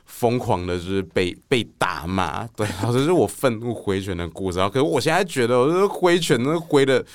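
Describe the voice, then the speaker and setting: A man, a guest writer telling stories on a podcast in a loose, animated way, swearing and laughing freely. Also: mid-range voice, brisk. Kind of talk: casual podcast storytelling.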